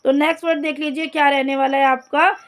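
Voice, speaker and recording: High-voiced woman teaching word lists. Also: fairly even intonation. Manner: repeats each word and its meaning slowly, addresses students directly. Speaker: English teacher. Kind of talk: vocabulary lesson, reading word lists.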